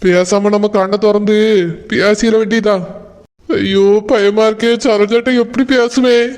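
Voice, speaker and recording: Man voicing a high-pitched ailing cartoon husband. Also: steady tone, measured pace, clear, resonant tone. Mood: fretful. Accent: Tirunelveli Tamil. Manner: weak, sorrowful, soft-spoken. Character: ailing village husband in hospital bed, gentle, worried father. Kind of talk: cartoon voice acting. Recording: long reverb.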